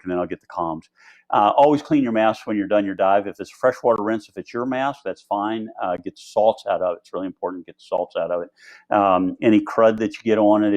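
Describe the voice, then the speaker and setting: Guy with a lowish voice, rambling casually thru a gear demo like an instructor. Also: darkish tone, dull audio. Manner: rambling, conversational explaining. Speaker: instructor presenting diving gear. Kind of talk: informal product tutorial on live video.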